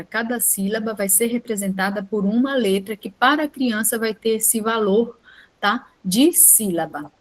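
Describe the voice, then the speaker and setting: A woman gives an online lesson, explaining step by step, checking in with a quick "tá?" and correcting herself mid-sentence. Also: on the high side. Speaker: teacher preparing students for a teaching exam.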